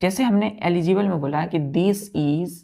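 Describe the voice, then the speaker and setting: A woman's voice: lowish voice, a little slow, creaky, dark tone. A woman teacher giving an exam-prep vocabulary lesson, spelling words letter by letter and often checking that students follow.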